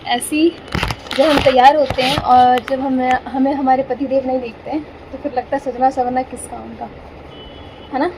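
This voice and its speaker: A woman's voice: high-pitched, flat delivery, normal speed, background noise. A young woman chatting casually to her viewers in a vlog, confiding and talkative. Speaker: vlogger and home tuition teacher.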